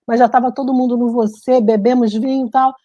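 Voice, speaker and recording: A Brazilian-born woman living in Switzerland telling stories in a lively, animated casual chat, laughing often. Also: a little high, fairly quick, no room sound, muffled recording. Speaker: guest, writer and journalist. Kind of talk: casual video-call chat. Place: home in Switzerland.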